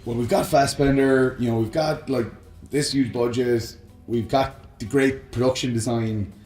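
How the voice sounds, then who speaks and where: With a steady, slightly mellow mid-range voice and a measured pace, this podcast co-host rambles casually about films based on video games, sharing his views. Music plays underneath, and the room echoes.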